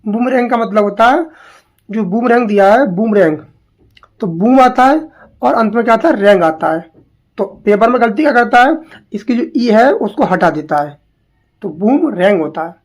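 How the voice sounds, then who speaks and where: A woman teaching English spellings to exam students, repeating each word slowly and asking questions as she goes. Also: a little high, animated, a little mellow. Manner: slow, drilling, repeats words and asks questions.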